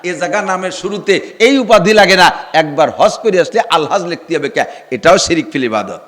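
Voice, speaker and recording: A male preacher gives a humorous sermon, teasing his listeners with rhetorical questions and sometimes rising to a shout. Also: high voice, lively intonation, normal speed, big-room sound.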